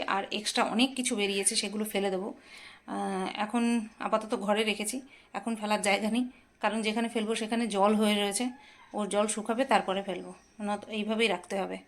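A woman chats casually with her viewers in a home vlog shot indoors, addressing them directly and sounding tired from too little sleep. Her voice is mid-range, and the audio quality is poor.

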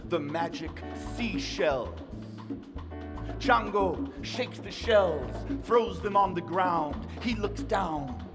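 Animated male storyteller over salsa music. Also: sits high. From New York City. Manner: mixes Spanish phrases into English, playful and dramatic. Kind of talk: lively storytelling performance.

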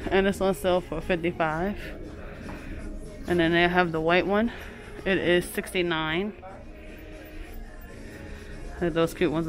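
A chatty woman vlogger with a low voice walks through a large home goods store, narrating a casual shop-with-me video on her handheld phone as music plays behind. She reads prices aloud and keeps calling things cute.

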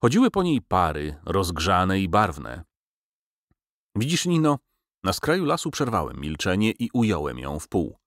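A man reading a literary audiobook aloud, expressive, lifting his voice for the dialogue. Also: normal speed, hardly any pauses, dry recording, studio quality. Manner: expressive reading, voicing dialogue with lifted pitch. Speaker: audiobook narrator.

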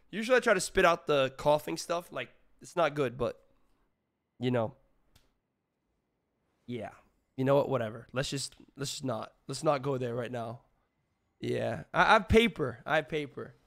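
Sick, gravelly-voiced male streamer. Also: mid-range voice, lively intonation, a little slow, pauses often, a bit bright. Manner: rambling, filler-heavy, greets chat. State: sick, hoarse voice. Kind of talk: casual live-stream chat.

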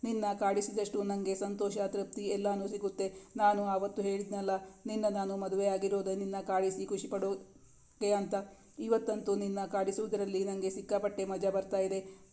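ತಮಾಷೆಯ ಯುವ ಗಂಡ, ಮಹಿಳೆ ಮಾಡುತ್ತಾಳೆ, ಮೆಲು ದನಿ, ಕಾಡಿಸುವ ಧಾಟಿ, ಕಥಾ ಓದು. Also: female voice, medium pitch, completely flat delivery, normal speed, close to an everyday voice. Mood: teasing. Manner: teasing, soft-spoken. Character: teasing playful young husband.

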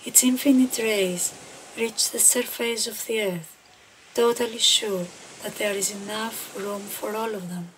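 A female meditation guide talks slowly in a medium-pitched voice with fairly even intonation. Her delivery is gentle, unhurried and deliberate, with pauses, over noticeably noisy ambient background sound.

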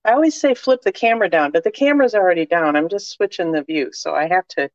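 A woman's voice: on the low side, fast talker, no echo, lo-fi sound. A woman with a slight cold, a crafting demonstrator chatting her way through a live-stream demonstration with many fillers and asides. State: slight cold, cough drop in mouth.

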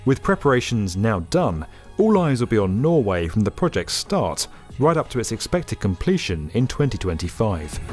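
Guy narrating an explainer doc, bouncy animated delivery, quiet music under it. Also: medium pitch. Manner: lively, upbeat explainer delivery. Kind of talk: scripted documentary narration. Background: faint background music.

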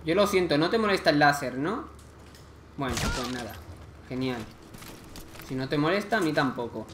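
A man with an accent from Spain, casually commenting on a game he plays, chatty and excitable with lots of slang. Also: on the high side, normal speed, echoey room, background noise. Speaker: gameplay commentator.

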